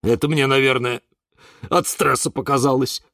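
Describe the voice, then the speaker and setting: A man voicing a frantic young male cactus who shouts and wails for help in a storybook. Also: mid-range voice, fairly even intonation, normal speed, no room sound, studio quality, far from the mic, voice pushed up, lightly acted. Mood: sheepish.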